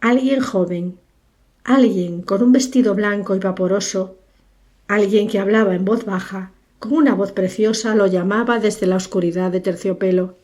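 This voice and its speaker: Warm-voiced woman narrating an audiobook. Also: mid-range voice, steady tone. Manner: measured, unhurried storytelling. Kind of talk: scripted literary narration.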